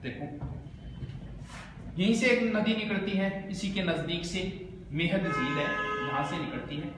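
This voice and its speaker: A man giving a brisk exam coaching lesson, explaining memory tricks and repeating the key points. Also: high-pitched, lively intonation, over loud music. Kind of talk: quick spoken geography lesson with memory tricks. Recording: very echoey, noisy room.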